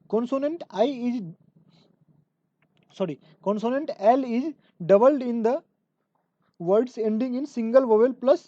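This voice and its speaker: A woman teaching grammar in an exam-prep lesson, explaining step by step with lots of repetition and reading rules out slowly. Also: on the high side, dark tone, no room sound. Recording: dull lo-fi dry recording.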